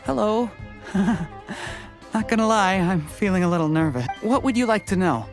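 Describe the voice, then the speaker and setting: An actor playing a modest, personable candidate in a video game, articulate, polite and thoughtful. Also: male voice, high-pitched, animated, normal speed, faint music behind. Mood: nervous, friendly.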